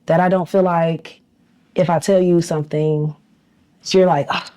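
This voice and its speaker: A middle-aged woman with a hoarse voice, as though she lost it the day before. She hosts a laid-back roundtable chat among friends, talking in a casual, slangy way and stopping to ask the others for words. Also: on the low side, unhurried. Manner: relaxed, laughing, slangy. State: hoarse, losing her voice. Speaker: podcast host.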